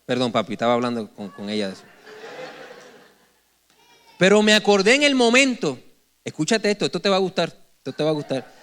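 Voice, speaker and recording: A man in his forties preaches from the pulpit with a high-pitched voice. He tells stories with animation and jokes with his congregation. He often breaks off and restarts his phrases as he talks. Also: fairly quick, long pauses. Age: 40s. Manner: animated, joking storyteller addressing the congregation; frequent self-corrections and restarts. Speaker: pastor. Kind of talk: sermon. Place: church sanctuary before a congregation.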